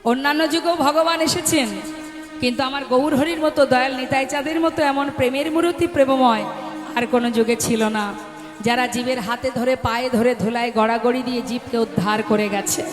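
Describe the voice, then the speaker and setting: A woman's voice: high voice, fairly even intonation, moderate pace. A woman giving a devotional kirtan sermon, asking the gathered listeners questions and calling them mother. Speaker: kirtan preacher. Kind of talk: devotional sermon to a live audience. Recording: echoey hall with music.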